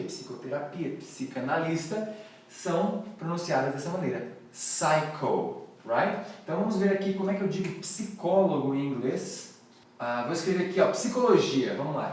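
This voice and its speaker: A man's voice: fairly high pitch, far from the mic, a little hiss or hum. A Brazilian man teaching English pronunciation live, playfully repeating words for his students to echo. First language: Portuguese.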